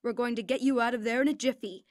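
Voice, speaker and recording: A woman's voice: fairly high pitch, fast talker, dry recording, studio quality, natural voice. A woman reading an audiobook, voicing a male fireman who speaks steadily and reassuringly.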